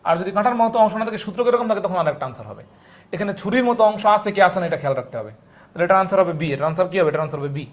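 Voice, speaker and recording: A man's voice: high voice, expressive, rapid-fire. A young man from Bangladesh teaching a live online biology class, going through exam questions, repeating each point several times and calling out viewers' names from the comments.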